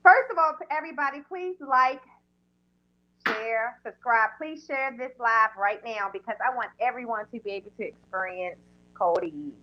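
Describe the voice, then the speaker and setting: A woman's voice: on the high side, moderate pace, slight background noise. A woman hosting a casual interview show in a chatty, informal way. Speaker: podcast host. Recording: dull lo-fi audio.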